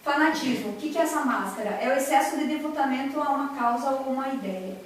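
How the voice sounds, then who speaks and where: A woman gives a heartfelt spiritual lecture, mixing personal stories with direct appeals to her listeners. Her voice sits high, and it is caught from a distance in a strongly echoing hall. A faint hiss lies under the whole recording. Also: fast. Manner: earnest, personal storytelling, audience-addressing. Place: large echoey hall, recorded from afar.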